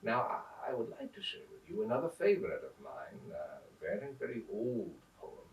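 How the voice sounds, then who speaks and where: A man playing a jolly old Santa Claus, reading Christmas verse and tales aloud with a dramatic, deliberate, lilting delivery. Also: mid-range voice, huge pitch swings. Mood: warm, measured. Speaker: storyteller at a museum storytime. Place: indoors in a museum house. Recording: roomy echo, distant microphone.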